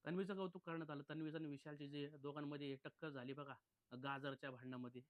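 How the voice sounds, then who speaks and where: A man with a fairly high voice, recorded close and dry, recapping a reality show in a casual, opinionated way. He talks bluntly and straight to his viewers, calling them friends as he judges each contestant. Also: fairly even intonation, quick pace, no echo.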